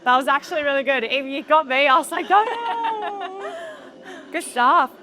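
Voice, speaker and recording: A woman's voice: high voice, animated, unhurried, noisy background. A woman bodybuilder in contest prep, chatting casually and swearing freely on a gym floor between sets. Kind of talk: casual gym chat and spotting.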